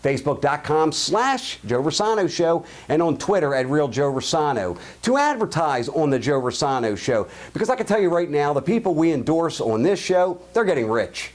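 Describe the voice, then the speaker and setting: A man with a Baltimore accent, specifically Highlandtown, hosts his own show, offering blunt, jokey opinions and answering listener emails. His voice is fairly high with big pitch swings, and he talks at a normal speed with hardly any pauses.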